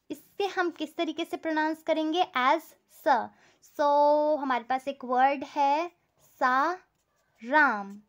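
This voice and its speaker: A woman teaching a language step by step, patient and repeating each example. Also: high-pitched.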